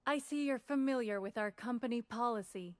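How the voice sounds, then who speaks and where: A woman's voice: on the high side, brisk, close to an everyday voice. An actress voicing a stiffly polite female parcel service clerk who sounds robotic.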